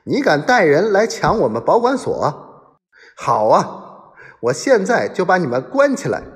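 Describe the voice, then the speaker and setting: A man voicing a bold, defiant man who shouts taunting challenges in a storytelling recording with long reverb. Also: mid-range voice, sing-song, slow, vocal fry, heavily acted.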